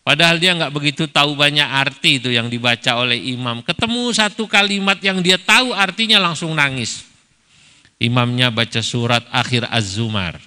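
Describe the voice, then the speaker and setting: A middle-aged Indonesian preacher speaks to a gathering, telling stories with humor and acting out the people he quotes. His voice is very bright and smooth. The hall carries a long reverb. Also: on the high side, lively intonation, moderate pace. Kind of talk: religious lecture to a gathering. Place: large hall at a celebration.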